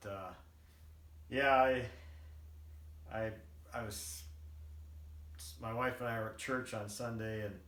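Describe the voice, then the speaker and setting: Older male vlogger, lowish voice, unhurried and hesitant, musing on faith; roomy sound. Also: fairly bright tone. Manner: halting, hesitant, reflective. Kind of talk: casual devotional reflection, rambling monologue. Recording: roomy, distant mic, faint background noise.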